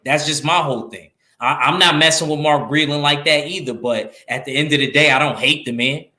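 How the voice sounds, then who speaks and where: A man's voice: on the high side, brisk, echoey room. A man with a New York accent, co-hosting a casual boxing talk show and making his point emphatically, repeating lines for effect. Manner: animated, emphatic, repeats himself. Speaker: podcast co-host.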